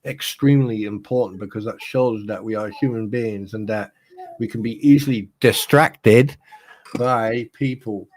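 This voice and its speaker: A woman co-hosting a livestream in casual chat, her voice run through a voice changer that lowers it, making joking, deliberate remarks. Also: darkish tone. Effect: voice changer lowering the pitch. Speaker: livestream co-host.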